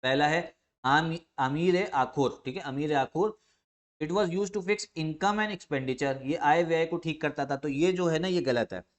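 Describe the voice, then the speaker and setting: A male teacher with a somewhat high voice leads an exam revision lecture. He fires off his own questions, then answers them, repeating each key term for emphasis. He mixes in English words and often pauses to clear his throat.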